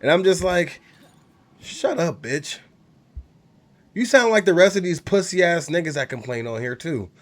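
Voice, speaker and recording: A man's voice: fairly high pitch, brisk, hardly any pauses. A young man with a cold and a congested voice, ranting casually about gaming in a profane, rambling, heated way. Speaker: gaming channel host. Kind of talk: casual rant to camera.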